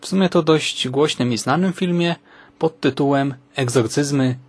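A man's voice: a little high, normal speed, slightly rough, dry recording. A man hosting a conversational film podcast. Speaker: podcast host.

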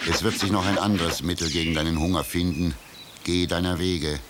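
A man's voice: low-pitched, fairly even intonation, fairly quick, background noise, close to an everyday voice. A man voicing a protective mother bear, firm and threatening, as part of a storybook narration. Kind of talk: storybook character voice within narration.

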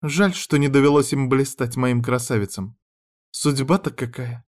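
A man voicing a strict, cold woman who teaches dance, scolding her pupils in a raised, sharp voice. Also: mid-range voice, steady tone, moderate pace, voice pushed up, natural voice.

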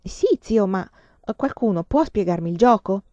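A woman voicing an eager, excitable little boy who pleads and pipes up impatiently. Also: moderate pace, dry recording, highs cut off, close to an everyday voice. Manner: pleading, impatient, high-pitched.

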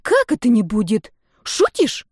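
A woman voicing a shrill, indignant girlfriend. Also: sing-song, normal speed, darkish tone, dry recording, studio quality. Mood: shocked. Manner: shrill, exclaiming, scolding. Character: young woman friend, shocked and indignant.

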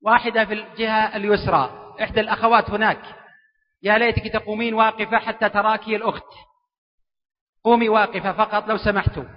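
A man giving a lively, joking religious lecture and drawing in a hall audience. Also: high voice, fast talker, pauses often. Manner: animated, joking, coaxing the audience. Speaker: preacher giving a public lecture. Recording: dull, echoey lecture hall recording.

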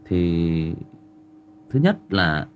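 Animated Northern Vietnamese man telling stories. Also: deep voice, drawn-out words, lo-fi sound, a little hiss or hum. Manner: animated, rambling, frequent filler words. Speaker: livestream host. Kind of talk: casual storytelling to viewers.

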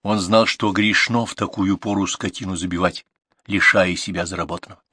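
A man reading short stories aloud as an audiobook narrator, in an expressive storytelling manner. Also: sits low, a little fast, breathy edge, dry recording. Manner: expressive, story-telling delivery. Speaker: audiobook reader.

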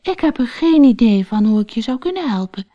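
A woman's voice: fairly high pitch, animated, a little fast, mellow, lo-fi sound, pitched above the performer's own voice, lightly acted. A woman voicing a sleepy, forgetful male squirrel in a storybook, drowsy and hesitant.

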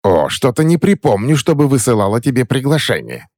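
A man's voice: fairly low pitch, sing-song, moderate pace, no echo, voice pushed up. Spiteful cackling-edged old crone, put on by a male narrator, raised voice, snappish, dry close audiobook sound. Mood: suspicious scolding. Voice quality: sharp, snapping, mocking. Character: spiteful threatening old woman, suspicious and cranky.

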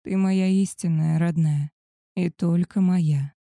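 A woman voicing a male werewolf alpha, a tender and possessive lover, in a soft, husky murmur for an audiobook. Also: lowish voice, fairly even intonation, slow, no room sound, clean studio sound. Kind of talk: audiobook character voice.

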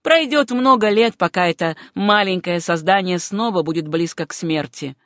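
Reader doing a smug young doctor, pretty proud of himself, dry audiobook sound. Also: male voice, high-pitched, normal speed, fairly bright tone, no room sound. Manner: triumphant, self-satisfied.

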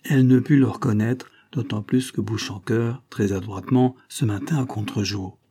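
A man reading a novel aloud in a measured, dramatic storytelling manner. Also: lowish voice, warm tone, husky. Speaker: audiobook reader. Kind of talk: audiobook narration.

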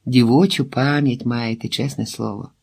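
A man's voice: mid-range voice, fairly even intonation, normal speed, vocal fry, darkish tone, husky. Man reading as an indignant, lecturing TV producer. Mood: patronising. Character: indignant older male TV producer.

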